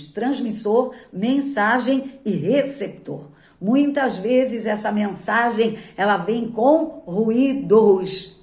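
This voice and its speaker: Calm woman pastor, echoey room. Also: medium pitch. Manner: calm, measured, with frequent tag questions. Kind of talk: teaching on marriage.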